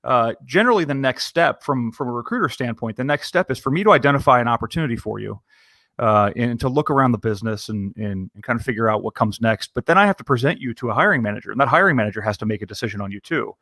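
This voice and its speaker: Male recruiter co-host, middle pitch, earnest and halting, dry close mic. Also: animated, sharp tone, no room sound. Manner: earnest, many restarts and repeated words. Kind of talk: casual podcast conversation.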